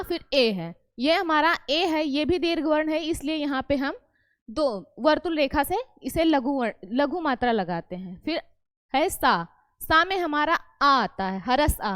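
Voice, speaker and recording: A woman's voice: high voice, a bit bright, dry recording. A woman teaching a Hindi grammar lesson, repeating each point and quizzing the class with questions she answers herself. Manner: self-correcting, explains patiently.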